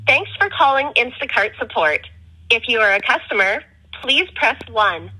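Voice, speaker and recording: A woman's recorded automated phone menu message, reading scripted prompts in a slow, measured, evenly enunciated way. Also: on the high side, animated, pushed and bright, a little hiss or hum, poor audio.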